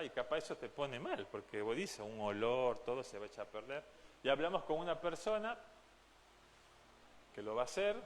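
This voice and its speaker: A man's voice: mid-range voice, fairly bright tone, a little hiss or hum. A man from Argentina, preaching a sermon as pastor, earnest and direct, often asking the congregation questions. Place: church.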